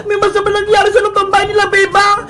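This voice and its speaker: A woman voicing a brave young girl in a cartoon, frantic and shouting, with loud music behind. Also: very high voice, monotone, fast, roomy sound.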